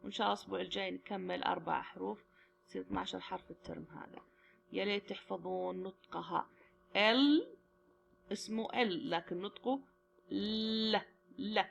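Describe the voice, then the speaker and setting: A woman, an English teacher slowly drilling letters, numbers and words for her students. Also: fairly low pitch, steady tone, creaky, highs cut off, a little hiss or hum. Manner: slow, drawn-out recitation of letters and words. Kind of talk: classroom drilling lesson.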